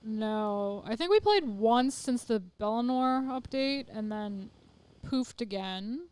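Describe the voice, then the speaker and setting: A woman's voice: fairly high pitch, expressive, slow pace, darkish tone, clean tone. A woman streaming a game and chatting casually, playfully teasing her co-player. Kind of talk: casual gaming chat.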